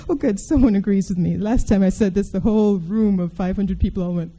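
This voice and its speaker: Woman speaker giving a talk, wry and chatty, dark mellow voice. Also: mid-range voice, brisk, low-quality recording. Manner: wry and conversational, asks the audience questions. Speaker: speaker addressing an audience. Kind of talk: public talk with a reading from a novel.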